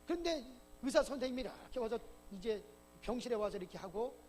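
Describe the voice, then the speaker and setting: High-voiced pastor preaching in a reverberant church. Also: male voice, lively intonation, brisk, a little mellow, soft background music. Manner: rhetorical questions to the congregation, emphatic preaching. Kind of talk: sermon. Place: church sanctuary. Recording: long reverb of a church hall.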